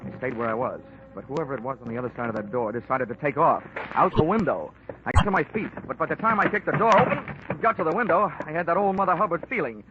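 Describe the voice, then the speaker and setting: This actor's voice sits on the high side, expressive and quick, with a lightly acted quality and background noise. His character is a hard-boiled insurance investigator in a 1940s radio drama, recounting his case in terse, dry, wisecracking narration over music on a muffled old broadcast.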